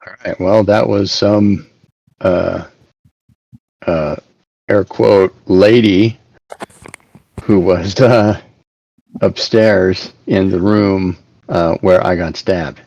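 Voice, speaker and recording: A man with a low, gravelly voice chats as a player in a tabletop game. He talks slowly and drags out his words, and his voice sounds dry and close to the mic. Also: fairly even intonation, darkish tone, no echo, lo-fi sound. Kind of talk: casual tabletop game chat.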